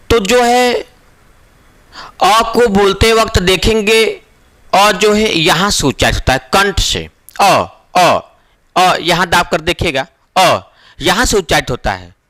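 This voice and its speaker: A male teacher gives an exam-prep lesson at an unhurried pace, stretching out vowel sounds and repeating every point. His voice sits high and swings widely, with a bright, forceful edge. The recording is close and dry, with no room sound. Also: no echo. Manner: slow and emphatic, repeats each point and answers his own questions; drawls vowel sounds to demonstrate them. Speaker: Hindi teacher.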